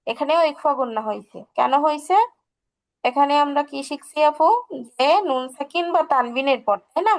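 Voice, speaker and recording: High, gravelly female tajweed teacher. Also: normal speed, rough recording. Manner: patient, asks questions and answers them herself. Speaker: Quran recitation teacher. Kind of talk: online tajweed lesson.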